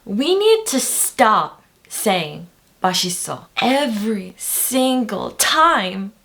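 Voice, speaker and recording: A woman with a mid-range, fairly bright voice speaks slowly in a sing-song way. She's a language teacher presenting a chatty, playful video lesson straight to her viewers, whom she calls "you guys."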